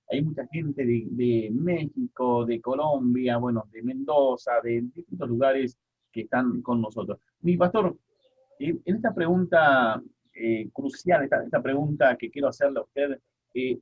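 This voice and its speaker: Man, radio host, reverent formal tone, husky voice, tinny phone-like sound. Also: medium pitch. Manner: formal, reverent, addresses guest as "mi pastor". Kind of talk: radio interview. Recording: thin phone-like line.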